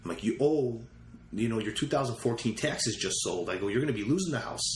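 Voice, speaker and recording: A man's voice: mid-range voice, animated, brisk. Rambling man telling investing stories. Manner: rambling, retells conversations with quoted lines. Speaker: real estate investor guest. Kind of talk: casual storytelling interview. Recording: roomy echo with faint ambient noise.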